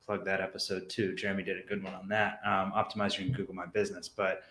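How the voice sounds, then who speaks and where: A man talking casually as a podcast co-host, laying out a list with pauses and fillers. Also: low voice, flat delivery, fairly bright tone, a little hiss or hum. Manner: laid-back, lists items with fillers. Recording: roomy office sound.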